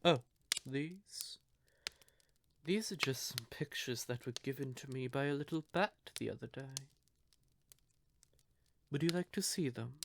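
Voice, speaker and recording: A man voices a possessive, courtly vampire lover in a scripted roleplay aimed at the listener, using sugary endearments and breathy, softly threatening undertones in a deliberate, theatrical delivery. His mid-range voice turns mocking and menacing over background noise.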